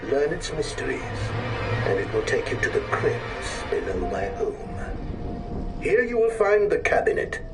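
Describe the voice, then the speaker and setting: Sly aristocratic collector, old phonograph playback, wildly swooping voice, slow drawn-out delivery, music behind. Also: male voice, medium pitch, wildly swooping pitch. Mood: ominous. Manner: grand, drawn-out theatrical speech. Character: theatrical aristocratic male collector, sly and menacing. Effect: played back from an old phonograph cylinder. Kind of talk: video game voice acting.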